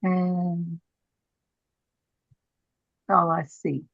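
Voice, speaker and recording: A woman with a husky, gravelly voice chairing a formal public meeting over a video call, speaking in a halting, procedural way. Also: on the low side, level tone, no echo. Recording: dull, lo-fi online meeting audio.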